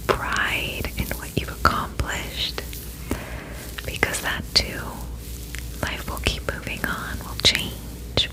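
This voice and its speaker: Woman, whispered pep talk, ASMR affirmations, breathy, gentle, slow-paced, reflective, reassuring. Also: poor audio. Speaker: ASMR host.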